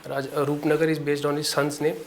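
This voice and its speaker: A young man from Jammu and Kashmir answering interview questions politely and deferentially, pausing often to gather his words. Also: on the high side, level tone, a little hiss or hum. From Jammu and Kashmir, India. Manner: polite, deferential, hesitant with many pauses. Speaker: interview candidate.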